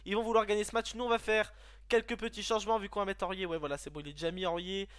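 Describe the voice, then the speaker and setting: A man giving excitable play-by-play commentary on a football video game, bursting into shouts at goals and often stumbling over his words and correcting himself. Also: high voice, racing. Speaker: gaming YouTuber.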